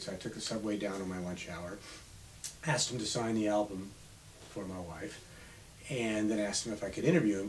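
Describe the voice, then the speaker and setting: A man in his seventies, an author being interviewed on radio, telling unhurried stories from his past. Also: low voice. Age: 70s. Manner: reminiscing, unhurried storytelling. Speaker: author guest. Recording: slightly distant mic with faint hiss.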